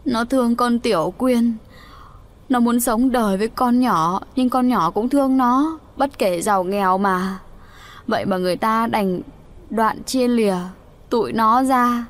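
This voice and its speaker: A woman's voice: on the high side, measured pace, close to an everyday voice. A woman narrator voicing a grieving village mother who laments and accuses, her voice raised above her narration. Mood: lamenting.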